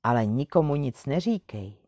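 A woman voicing a kind, gentle old woman who tends flowers, speaking softly and in a friendly way. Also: very deep voice, animated, dry recording, clean studio sound, pitched below the performer's own voice. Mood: kindly. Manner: soft and friendly.

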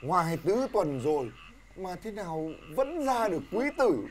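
This is a prying village guest in a folk comedy who fawns and pries, his voice swooping up and down a lot. A clear hiss of noise sits under his voice. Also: sits high, sing-song, a little slow. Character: nosy, fawning older village guest. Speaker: visiting neighbor. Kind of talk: folk comedy film acting.

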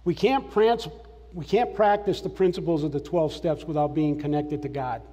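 A fairly high-pitched older man from Massachusetts preaches at a normal pace on a large church sanctuary stage, giving sincere, plain personal testimony. The recording has long hall reverb with soft music behind him.

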